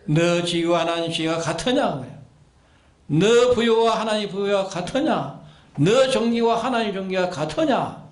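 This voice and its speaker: Male pastor, high pitch, preaching in a reverberant sanctuary, drives home repeated commands and rhetorical questions. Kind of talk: sermon. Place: church sanctuary.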